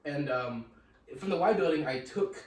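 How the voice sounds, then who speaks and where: A man's voice: a little high, lively intonation, normal speed, a little mellow. A young man telling crude anecdotes in casual chat and laughing through them as he rambles. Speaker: podcast co-host. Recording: echoey room, distant mic, crowd behind.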